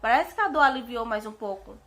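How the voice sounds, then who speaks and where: A young Brazilian vlogger with a Brazilian Portuguese accent and a fairly high, brisk voice tells a personal story. She's chatty and animated, bursting out emotionally and repeatedly calling her viewers "gente".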